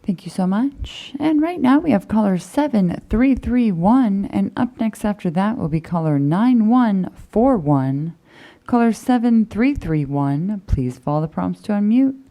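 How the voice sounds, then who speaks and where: A woman moderator calling the next callers in a brisk, routine way. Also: medium pitch, expressive, mellow. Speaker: meeting moderator. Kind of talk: reading call-in queue.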